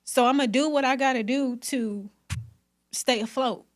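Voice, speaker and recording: A woman's voice: high voice, measured pace, faint music behind. A woman hairstylist, a podcast guest, talking candidly and emphatically about her work, money and faith. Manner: emphatic, faith-filled storytelling. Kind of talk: candid conversation.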